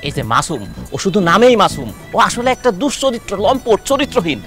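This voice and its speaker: An actor playing the groom's scheming friend, theatrical and scolding, in a comic TV drama. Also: male voice, sits high, sing-song, a little fast, a bit bright, soft background music. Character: scheming buddy, dramatic gossip.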